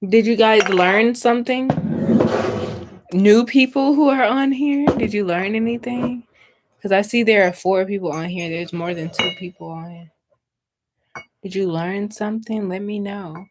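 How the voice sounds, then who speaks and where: A woman's voice: medium pitch, a little slow, very noisy. A young woman hosting a livestream, chatting directly to her viewers and reading aloud from a book with a few stumbles over words. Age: young adult. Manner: chatty, talks straight to viewers. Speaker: livestream host. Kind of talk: casual livestream chat.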